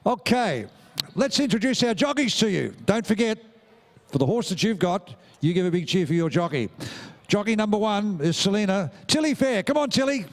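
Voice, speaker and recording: A middle-aged Australian man calls a live pony race at an outdoor showground, talking into a handheld mic. His voice sits high and bright for a man, and he teases the young riders and rouses the crowd in a jovial, playful way. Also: lively intonation, moderate pace. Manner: jovial, teasing, crowd-rousing. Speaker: ringside announcer. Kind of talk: live event commentary.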